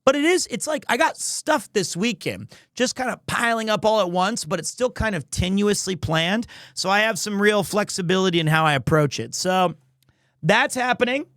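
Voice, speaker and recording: High-voiced man chatting on a livestream. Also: lively intonation, moderate pace, fairly bright tone, dry recording, studio quality. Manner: rambling, playful. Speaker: livestream host, amateur voice actor. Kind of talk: casual chat with stream viewers.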